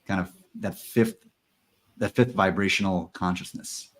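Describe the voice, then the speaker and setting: A man with a low voice and fairly bright tone hosts a podcast at a measured pace. It's a casual chat, and he talks about ideas earnestly and with enthusiasm.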